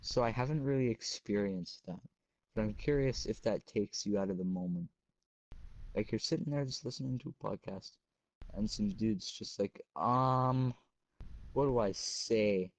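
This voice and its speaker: A man's voice: fairly low pitch, moderate pace, no echo, low-quality recording. A young man co-hosting a podcast in casual, rambling chat with lots of fillers. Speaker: podcast co-host.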